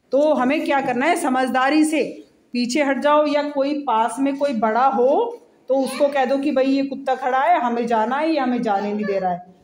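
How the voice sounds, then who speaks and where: A woman telling a fable to a child, gently explaining and asking the child questions along the way. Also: sits high. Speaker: storyteller to a child. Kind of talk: storytelling to a child. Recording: roomy echoey room.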